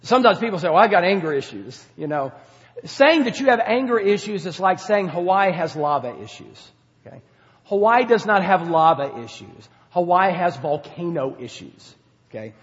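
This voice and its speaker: Male pastor, sermon, conversational, rhetorical questions, high voice, dull echoing hall sound. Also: lively intonation, normal speed. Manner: conversational, rhetorical questions, dynamic swings in loudness.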